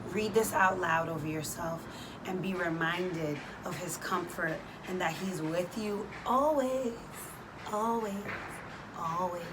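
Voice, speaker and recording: Woman, slightly low voice, devotional host, informal, exhortative, direct address, clear background noise. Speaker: host of a faith and fitness challenge. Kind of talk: casual devotional vlog, prayer. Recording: clearly noisy background ambience.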